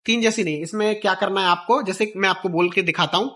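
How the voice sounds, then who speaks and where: A man's voice: high-pitched, fast, a bit bright. A male teacher explaining the alphabet for exam students, repeating vowel sounds aloud in a sing-song drill. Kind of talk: exam-prep lesson.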